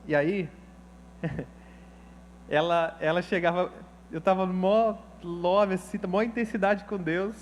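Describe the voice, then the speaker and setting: A high-pitched Brazilian pastor preaching a sermon to his church. He tells his story with feeling and casual slang. His voice sits notably high for a man. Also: steady tone, slow pace, long pauses, slight background noise. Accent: Brazilian Portuguese. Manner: emotional, storytelling with slang and acted quotes.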